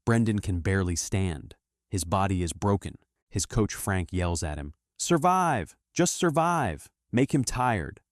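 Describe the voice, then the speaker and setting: A man narrating a film recap in a steady, dramatic storytelling manner. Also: low-pitched, no room sound, clean studio sound. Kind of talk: scripted narration.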